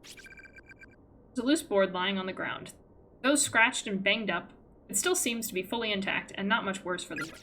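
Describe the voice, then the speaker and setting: A woman's voice: medium pitch, huge pitch swings, moderate pace, long pauses, pushed and bright, a little hiss or hum. A young woman streaming a horror game, reading each character's lines aloud with shifting emotion and breaking off for dry asides. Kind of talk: live gameplay, reading game dialogue aloud.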